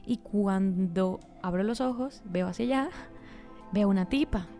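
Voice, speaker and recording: A young woman tells a spooky story on a casual podcast. Her voice is mellow and warm, and she acts out quoted lines with lively energy. Soft music plays faintly behind her. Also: medium pitch, measured pace. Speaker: podcast co-host. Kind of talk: casual chat, telling a ghost story.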